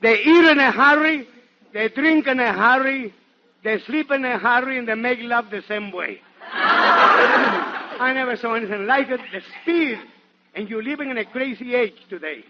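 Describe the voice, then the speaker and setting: On a muffled, hissy radio recording from the 1940s, a very high-voiced man from Nicaragua with a Spanish accent delivers a theatrical comedy monologue at a moderate pace. He's a guest comedian and entertainer on the show, animated and exclamatory throughout.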